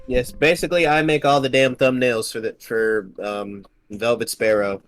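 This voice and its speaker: A man's voice: medium pitch, little pitch movement, moderate pace, no room sound. Dry, laid-back young man. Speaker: co-host of a visual novel read-through. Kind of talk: casual chat.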